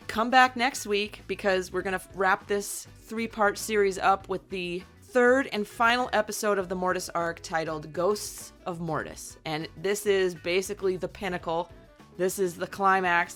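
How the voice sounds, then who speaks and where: A woman co-hosting a fan podcast, chatty and excitable, swearing casually. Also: fairly low pitch. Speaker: podcast co-host. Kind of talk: casual chat.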